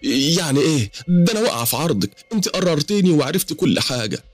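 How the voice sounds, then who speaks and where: A man's voice: big pitch swings, rapid-fire, husky, dry recording, faint music behind. A man doing a tearful pleading woman, Egyptian. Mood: frightened. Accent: Egyptian Arabic. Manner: high, strained, tearful pleading. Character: distressed middle-aged woman pleading for help.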